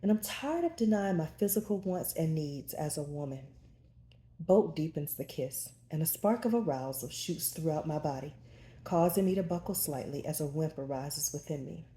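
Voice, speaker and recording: A woman narrating a first-person romance audiobook in an intimate, breathy storytelling manner. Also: sits low, lively intonation, moderate pace, mellow, reverberant.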